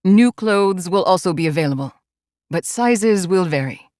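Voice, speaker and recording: A woman voicing a gentle, confident adult male alpha with a soft, smooth, lightly teasing manner. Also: on the low side, expressive, moderate pace, no echo, studio quality, lightly acted.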